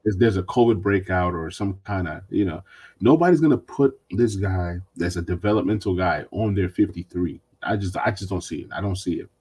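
A man's voice: low voice, a little fast, a little mellow, husky. A man hosting a sports podcast, chatting casually and animatedly, with mocking voices when he quotes others. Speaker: podcast host.

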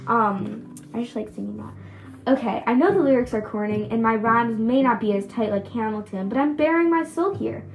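A woman reads a novel aloud in a casual, unpolished way, now and then stumbling and restarting over words. Her voice sits somewhat high. Faint music plays quietly in the background. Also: moderate pace, creaky, poor audio. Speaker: reader.

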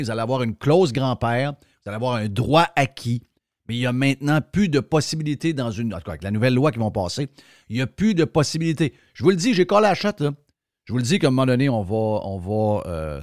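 A man's voice: mid-range voice, lively intonation, quick pace, dry recording, clean studio sound. A man with a Québécois French accent hosting a radio show, talking in a colloquial, emphatic way straight to his listeners. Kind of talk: opinionated talk radio monologue and sponsor reads.

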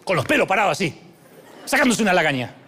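A middle-aged man preaching a sermon as pastor, animated and humorous, acting out scenes with shouted quotes. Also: sits high, fast, slight background noise.

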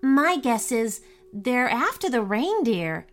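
A woman voicing a brave, eager young female junior elf in a storybook reading, with an excited, urgent manner. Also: a little high, slow pace, voice pushed up. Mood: earnest.

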